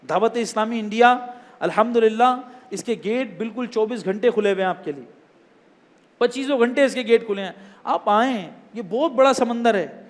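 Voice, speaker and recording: A man preaching a sermon, swinging emphatically between loud appeals and hushed asides. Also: sits high. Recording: hall reverb.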